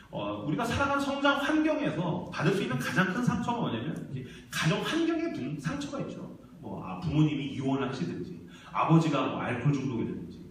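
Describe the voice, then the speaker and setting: A church ministry staff preacher with a high-sitting voice delivers a sermon to young adults in a large hall, vividly telling stories and acting out the voices of the people in them. The mic is far off, the hall very echoey, and there's a little hiss or hum.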